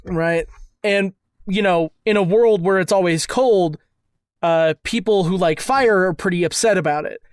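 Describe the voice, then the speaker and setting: A podcast co-host chatting casually, often interrupting to question and steer the pitch. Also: unhurried, smooth, no room sound, studio quality. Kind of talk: casual comedic chat.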